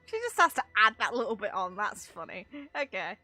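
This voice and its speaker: A woman streamer reacts to video game voice lines in a very animated, fairly quick, sharp-toned medium voice. Her commentary is casual and chatty, with informal slang and mild swearing, over soft background music.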